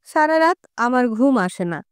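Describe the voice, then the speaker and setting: High, smooth-voiced woman audiobook narrator. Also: lively intonation, a little slow, dry recording, clean studio sound.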